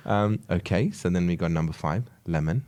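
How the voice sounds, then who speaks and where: A man's voice: deep voice, moderate pace, darkish tone, dry recording. A man from Sri Lanka, a podcast guest, chatting in an easygoing way with short agreeing replies. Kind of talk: casual podcast chat.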